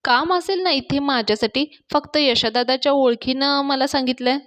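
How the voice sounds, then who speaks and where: A woman's voice: high voice, moderate pace, fairly bright tone, pitched above the performer's own voice. A woman voicing a hopeful young woman applying for a job, who speaks in an uncertain, then upbeat way. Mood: lively.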